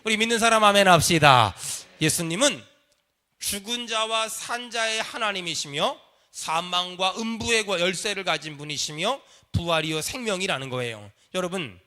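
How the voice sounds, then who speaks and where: A man's voice: high-pitched, expressive, normal speed, sharp tone. A man preaching a sermon in a church, leading the congregation in call and response. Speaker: pastor. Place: church sanctuary.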